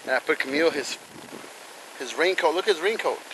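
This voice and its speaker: A man's voice: a little high, fairly quick, background noise. A man talking casually to the camera as a family vlogger, chatty and friendly, speaking straight to his viewers. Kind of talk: casual vlog talk to camera.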